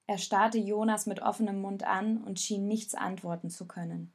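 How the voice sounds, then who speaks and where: A woman calmly narrating a storybook in measured audiobook style. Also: mid-range voice, husky.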